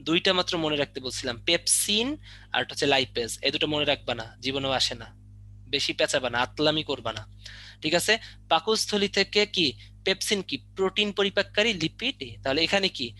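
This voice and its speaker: A man's voice: fairly high pitch, a little fast, sharp tone. A young man teaching a biology exam-prep lesson online, drilling questions and teasing students with mock threats. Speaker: biology tutor.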